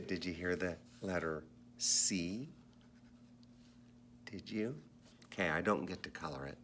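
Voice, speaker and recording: A low-voiced man teaching a phonics lesson to young children, his tone bright and crisp. He sounds out each letter slowly and encouragingly, sometimes dropping to a soft whisper. A faint hum sits behind him.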